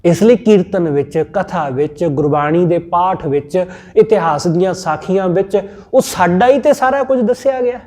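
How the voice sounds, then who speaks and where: Man giving a measured Punjabi sermon. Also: high-pitched, mellow. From India. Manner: measured, repetitive teaching with rhetorical examples. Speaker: Sikh scripture preacher. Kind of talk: sermon-style scripture exposition.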